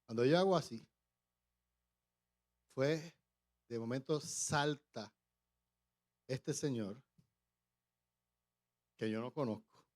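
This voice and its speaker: Preacher telling a testimony. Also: male voice, medium pitch, darkish tone. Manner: storytelling, halting restarts, acts out voices. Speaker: pastor. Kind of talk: testimony sermon. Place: church.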